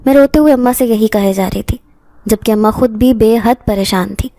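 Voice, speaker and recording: A woman narrating a first-person horror story in a steady, dramatic storytelling manner. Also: fairly high pitch, no room sound.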